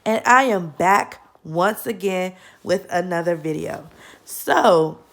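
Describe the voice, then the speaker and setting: A woman's voice: lowish voice, slow, gravelly, fairly bright tone. A young adult woman vlogging casually while congested from a cold, rambling with fillers and frequent self-corrections. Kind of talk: casual opinion vlog.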